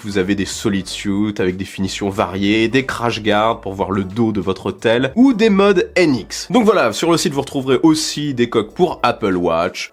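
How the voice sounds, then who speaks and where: Young male tech vlogger, sick but joking, bouncy melodic delivery. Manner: playful self-mocking asides, lively swings between high and low. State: sick, recovering under a duvet. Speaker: tech YouTuber. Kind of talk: tech deals vlog.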